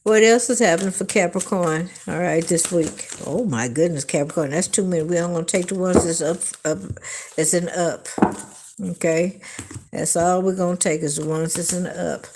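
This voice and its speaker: Chatty woman tarot reader, low voice. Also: fairly even intonation, normal speed, noisy background. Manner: chatty, emphatic, often checks in with "okay?" and "all right". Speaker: tarot reader hosting a livestream. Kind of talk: casual live tarot reading with chat shout-outs.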